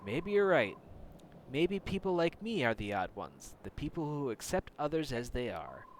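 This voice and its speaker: A man's voice: on the high side, very animated, normal speed, a little hiss or hum, voice pushed down. Fields: Figure: a man playing an earnest young mercenary hero. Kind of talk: reading game dialogue aloud.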